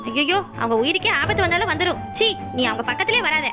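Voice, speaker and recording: A woman voicing a scheming, sharp-tongued young woman in a cartoon, taunting and ordering the others around. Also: very high-pitched, sing-song, quick pace, over music. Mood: scolding. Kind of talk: cartoon voice acting.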